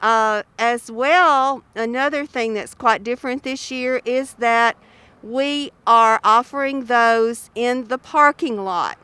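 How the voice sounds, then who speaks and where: A woman's voice: a little high, takes it slowly, bright, forceful tone, smooth, no room sound. A woman giving informative interview answers as a health spokesperson, talking through a face mask. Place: outdoors near road traffic. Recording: outdoors by passing traffic.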